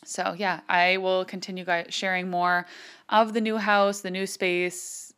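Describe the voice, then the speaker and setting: A woman's voice: lowish voice, level tone, measured pace, fairly bright tone, clear, resonant tone. A woman in her twenties with an American accent, a podcast host chatting solo in a gushing, informal way. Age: 20s. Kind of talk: casual solo podcast chat. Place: home office.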